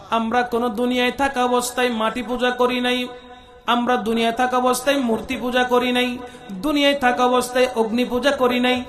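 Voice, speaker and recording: A man's voice: extremely high pitch, fairly bright tone. A man preaching a sermon at a religious gathering, calling out to the crowd and chanting Arabic phrases. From West Bengal, India. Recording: echoey public-address sound.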